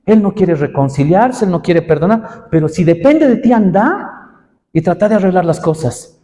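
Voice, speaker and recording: A man preaches a sermon to the young, his delivery impassioned, with rises in pitch to drive each point home. His voice sits a little high yet sounds dark and mellow. A long church-hall reverb trails after his words. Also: lively intonation, moderate pace. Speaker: pastor.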